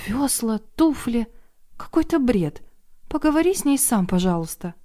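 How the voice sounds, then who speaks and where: A woman voicing a confused young female hotel receptionist, high and bewildered. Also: sing-song, normal speed, warm tone.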